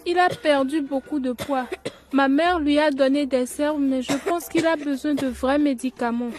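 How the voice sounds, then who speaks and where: A woman's voice: sits high, moderate pace, darkish tone, soft background music, lightly acted. An actress playing a polite, earnest teenage girl in a radio drama, respectful and inquisitive. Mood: worried.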